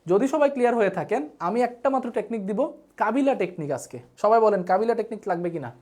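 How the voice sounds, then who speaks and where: A woman's voice: mid-range voice, expressive, fast, a little mellow. Woman teaching a live online lesson. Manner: repeats checks with students, playful memory tricks. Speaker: online tutor.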